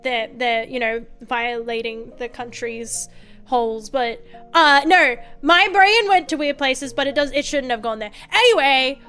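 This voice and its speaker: A bright, smooth, high-voiced Australian woman, a vtuber streamer, rambles through casual chat with her viewers. She swears often and laughs quickly, with faint music playing behind her.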